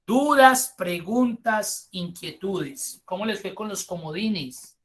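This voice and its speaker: A man's voice: high voice, expressive, slow pace, a bit bright. A man with a Colombian accent teaching a spreadsheet class, explaining step by step with chatty asides. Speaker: spreadsheet course instructor. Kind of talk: live online class.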